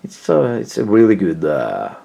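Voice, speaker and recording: Music from a computer audio player runs under a retro tech host's casual, unscripted demo, where he keeps hesitating and hunting for words. His low voice swoops wildly in pitch at normal speed, warm in tone with vocal fry and a breathy edge.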